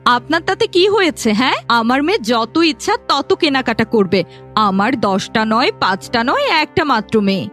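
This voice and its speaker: Woman voicing a sharp-tongued scolding mother. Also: a little high, sing-song, normal speed, soft background music. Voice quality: scolding, quarrelsome. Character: sharp-tongued village mother, middle-aged. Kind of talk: cartoon voice acting.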